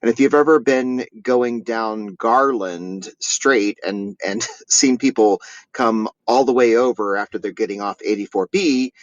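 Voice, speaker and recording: A man's voice: on the low side, unhurried, no echo. A man leaving a voicemail question for a show over a landline phone, explaining his point step by step. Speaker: caller. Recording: dull lo-fi phone line.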